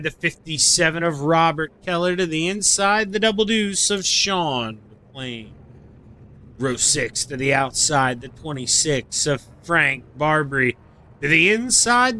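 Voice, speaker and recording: A middle-aged man calling sim racing laps as play-by-play commentator, excitable and fighting the hiccups. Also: a little high. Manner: excitable, rises to shouts on quick laps. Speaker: race commentator.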